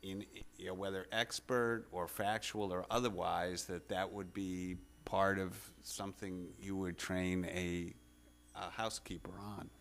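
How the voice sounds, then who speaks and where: A man questioning from the bench as an appellate judge, skeptical and probing, in halting phrases. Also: low-pitched, little pitch movement, a bit bright. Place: courtroom.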